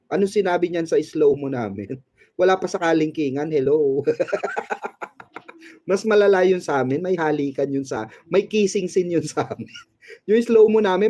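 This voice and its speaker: A man's voice: on the high side, warm tone, no room sound, muffled recording. A man hosting a fan channel, chatting about showbiz in a gossipy, teasing way and laughing often. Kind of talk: casual showbiz commentary.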